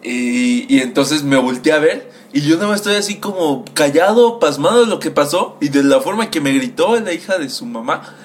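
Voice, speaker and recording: A young man with a Mexican Spanish accent telling a crude story in casual chat, animated and acting out voices. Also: on the high side, moderate pace. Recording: faint background noise.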